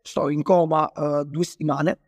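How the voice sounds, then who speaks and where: A young man from Naples, an interview guest, telling a personal story in a rapid, animated way, often correcting himself. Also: fairly high pitch, dry recording, clean studio sound. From Naples, Italy.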